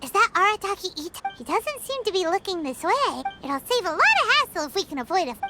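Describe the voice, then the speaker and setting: A performer voicing a tiny, curious female fairy companion in a game fan dub, quick to scold. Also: extremely high pitch, big pitch swings, loud music behind the voice, heavily acted. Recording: loud background noise.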